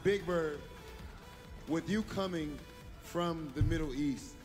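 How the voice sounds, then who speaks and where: A man asking a tournament champion measured, earnest questions on stage. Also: on the high side, darkish tone, soft background music. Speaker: onstage interviewer. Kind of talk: tournament winner interview.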